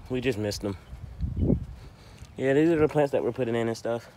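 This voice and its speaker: A man's voice: medium pitch, moderate pace. A young man hosting a casual prank vlog, laughing and talking loosely in slang. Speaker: vlogger. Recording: noisy phone video.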